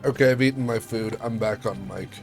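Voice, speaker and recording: A man's voice: mid-range voice, brisk, vocal fry. A man co-hosting a game stream, chatting casually and reading out chat messages. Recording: stream mic with faint game music.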